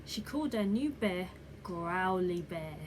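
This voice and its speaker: A woman reading a children's bedtime story aloud in an unhurried, measured way, like the opening of a fairy tale. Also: fairly low pitch, animated. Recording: clearly noisy background ambience.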